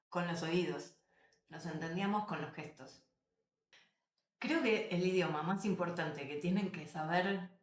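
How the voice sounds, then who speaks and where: Woman vlogger, low-set voice, animated storyteller talking to camera. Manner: animated, emphatic repetition, addresses viewers directly. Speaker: travel vlogger. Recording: roomy echo.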